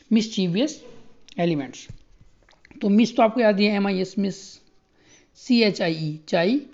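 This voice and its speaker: A man's voice: sits high, creaky, a little mellow. Man spelling words out letter by letter. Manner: spells words out letter by letter, repeats checks for understanding. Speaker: exam coaching teacher. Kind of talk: recorded spelling lesson. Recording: muffled lo-fi recording.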